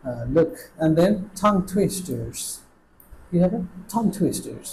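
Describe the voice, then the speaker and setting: A Bangladeshi man teaching English pronunciation online, stretching out each sound in slow drills and moving between Bengali and English. His voice sits a little high for a man, yet it has a soft, mellow tone. A faint hiss runs under the recording. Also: expressive, low-quality recording.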